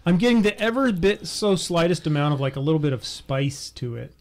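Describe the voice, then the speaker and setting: A man co-hosting a beer podcast, chatting casually with halting phrasing, many fillers and easy laughter. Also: fairly high pitch, expressive, a little mellow. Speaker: podcast co-host. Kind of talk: casual chat over beer tasting.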